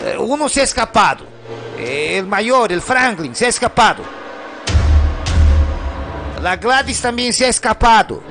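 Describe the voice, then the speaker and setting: A guilty uncle stammers and squirms through his excuses, his voice pitched quite high, as a man puts him on. Music plays steadily underneath. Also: lively intonation, measured pace, long pauses. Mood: evasive. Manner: stammering, defensive. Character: nervous lying middle-aged uncle caught by police.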